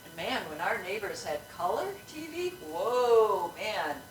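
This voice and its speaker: A woman's voice: medium pitch, big pitch swings, measured pace, roomy sound, recorded from a distance, music in the background, rough recording. A woman guest in casual chat, agreeable and chatty. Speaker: podcast guest.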